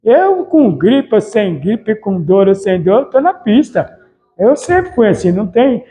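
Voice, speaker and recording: A man's voice: high voice, sing-song, slow pace, mellow, low-quality recording. A man preaching a casual, colloquial sermon as a pastor, chatting and acting out everyday speech. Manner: colloquial, chatty, mimics family members' voices. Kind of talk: informal sermon.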